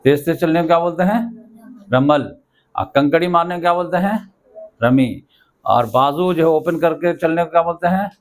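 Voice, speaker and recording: A male teacher giving a lesson, who keeps asking his listeners questions, answers them himself, and checks after each step that they have followed. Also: fairly high pitch. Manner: repeats checking "okay?" often.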